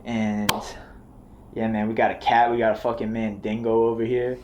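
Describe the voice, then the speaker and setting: An American podcast host chats casually from indoors at his grandparents' house, trading loose, profane banter. His voice sits fairly low with a level tone at normal speed. The audio is dull, with background noise.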